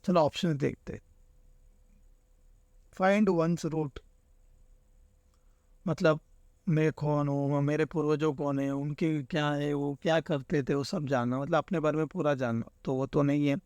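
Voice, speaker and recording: A man's voice: fairly high pitch, steady tone, moderate pace, hardly any pauses, darkish tone, dry recording. A man teaching an exam-prep lesson, walking through answer options and explaining each with everyday examples. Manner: explains with everyday examples, keeps saying "theek hai".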